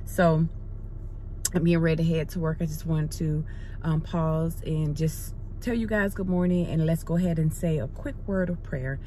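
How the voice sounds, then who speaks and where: A woman's voice: low voice, fairly even intonation, moderate pace, mellow, a little hiss or hum. A middle-aged woman, chatting casually to viewers from her car and leading a spoken prayer with an encouraging, repetitive cadence. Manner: upbeat, encouraging, repeats phrases in prayer cadence. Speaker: vlogger. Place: parked car interior. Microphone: phone camera on the dashboard.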